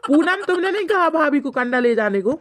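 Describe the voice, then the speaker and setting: A woman's voice: high voice, very animated, fairly quick. A woman voicing Gadhadiya, a cheeky village man. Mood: teasing. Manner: teasing, talks in village dialect. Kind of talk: cartoon voice acting.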